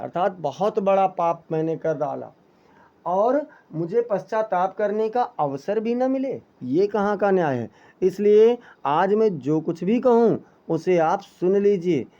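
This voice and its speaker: A man with a high, mellow voice teaches an exam-prep lesson, posing questions to the class and answering them himself. He speaks to his students as children. The recording sounds dull and lo-fi. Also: lively intonation, measured pace. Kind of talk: exam-prep lesson explaining Hindi texts.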